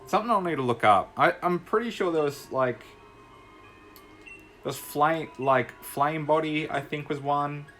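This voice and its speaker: Young aussie guy chatting thru his game, rambly, laughs a lot, low-key music behind. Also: measured pace, bright, forceful tone. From Australia. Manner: chatty, rambling, laughs easily, sings to himself. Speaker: gaming YouTuber. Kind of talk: casual commentary while playing.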